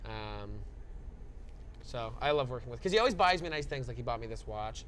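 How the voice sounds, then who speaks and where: A man, a stand-up comedian, chatting casually in an interview, playful and quick to joke. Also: medium pitch, expressive, fairly bright tone, a little hiss or hum.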